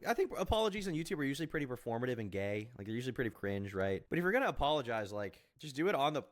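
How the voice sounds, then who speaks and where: A young man streaming and mocking a video in casual commentary, sarcastic and quick. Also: medium pitch, very animated.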